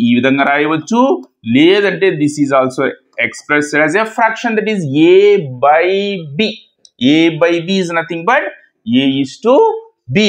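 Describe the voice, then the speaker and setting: A man whose voice sits high, a native Telugu speaker with a Telugu accent, gives a math lesson in English and Telugu. Key words get repeated, and he asks questions that he answers on his own.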